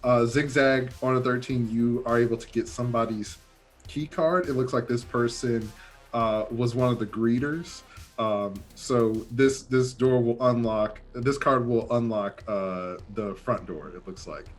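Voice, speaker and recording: A man runs a tabletop game, narrating the scene in a casual, halting way full of ums and uhs. His voice sits in an ordinary middle range. Faint music plays in the background. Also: mid-range voice. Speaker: game master.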